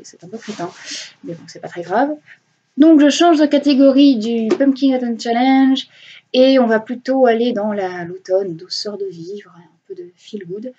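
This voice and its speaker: A young booktuber with a dark, medium-pitched voice chats casually about her reading weekend, rambling with many hesitations and self-corrections while poking fun at herself. The highs are cut off, and there's slight background noise.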